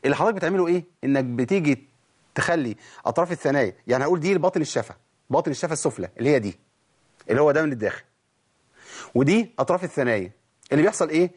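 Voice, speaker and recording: A man with an Egyptian Arabic accent teaching Quran recitation rules, animated and demonstrating sounds again and again. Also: a little high, racing, slightly rough. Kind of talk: tajweed lesson.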